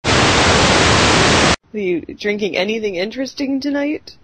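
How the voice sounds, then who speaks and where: A woman's voice: lively intonation, slow pace. A woman co-hosting a show with dry, teasing casual banter. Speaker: show co-host. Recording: faint low rumble and hiss.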